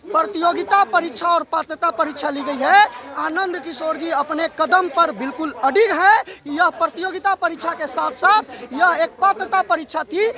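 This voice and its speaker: A man protesting to the press, speaking in a fiery, accusing, declamatory way. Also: very high-pitched.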